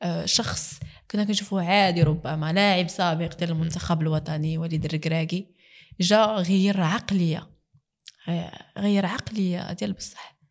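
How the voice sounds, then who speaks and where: Woman, Moroccan accent, quick talker, earnest, French words mixed in, interview guest. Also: on the low side, fairly even intonation. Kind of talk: casual interview chat.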